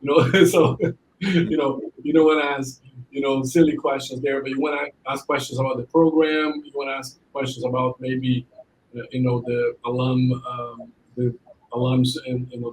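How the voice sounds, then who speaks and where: A man's voice: mid-range voice, level tone, moderate pace, a little mellow, slight background noise, poor audio. A male admissions consultant, a podcast guest, giving advice in a rambling way, with frequent restarts and "you know"s.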